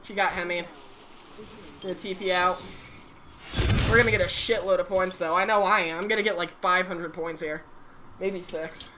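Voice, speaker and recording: A woman streamer giving casual live commentary while gaming, chatty, excitable and swearing freely. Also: fairly low pitch, moderate pace, pauses often, noisy background. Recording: game sounds clearly behind voice.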